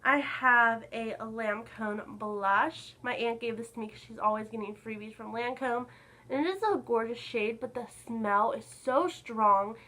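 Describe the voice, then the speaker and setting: A young woman vlogger chatting casually to camera about makeup, a little hoarse from being sick, filling her talk with "like.". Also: fairly high pitch, measured pace, bright, forceful tone, low-quality recording. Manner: chatty, lots of "like" fillers. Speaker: beauty vlogger.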